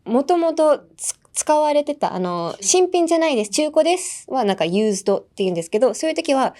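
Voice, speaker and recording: A young woman hosting a pronunciation lesson, switching between two languages, repeating words slowly and laughing often. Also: sits high, sing-song, dark tone. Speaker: English pronunciation teacher and host.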